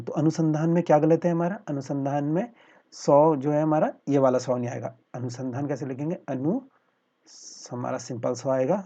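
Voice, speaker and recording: A man's voice: fairly high pitch, mellow. A man teaching a Hindi spelling lesson for exam aspirants, spelling words out syllable by syllable and repeating a filler phrase as he asks and answers his own questions. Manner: talks to viewers as friends, asks questions then answers them. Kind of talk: spelling lesson over slides. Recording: dull lo-fi voice-over.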